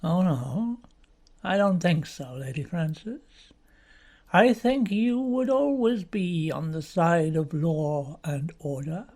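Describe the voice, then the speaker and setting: Reading an audiobook, a man portrays a middle-aged country doctor, grave and sinister, whose probing questions come slow, deliberate and breathy. His voice runs a little high with a darkish tone.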